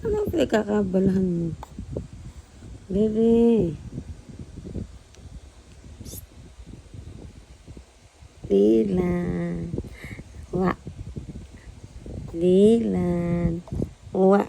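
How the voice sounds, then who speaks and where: Mother cooing to her baby, unhurried and coaxing, with a creaky voice. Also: mid-range voice, warm tone. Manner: coaxing, sing-song, cooing. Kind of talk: baby talk to an infant. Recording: noisy home video.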